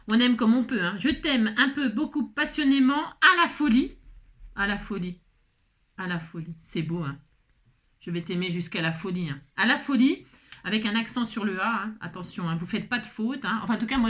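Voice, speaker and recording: A woman giving a casual crafting tutorial, chatting to viewers with playful, self-mocking asides and a constant "hein". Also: mid-range voice. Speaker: craft vlogger.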